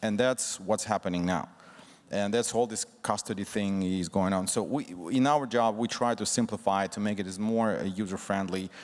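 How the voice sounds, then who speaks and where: Low-voiced guy on a panel, blunt plain explaining, hall echo. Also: fairly even intonation, moderate pace. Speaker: panelist, fintech executive. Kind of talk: conference panel discussion. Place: large conference hall. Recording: long reverb of a conference hall.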